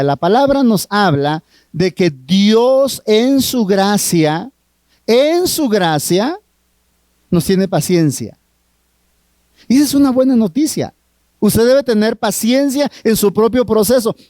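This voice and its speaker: A middle-aged man with a Mexican accent, a family therapist preaching at a marriage retreat, earnest and drawn-out, often asking the audience questions. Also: high-pitched, expressive, dark tone, no room sound. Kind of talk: sermon.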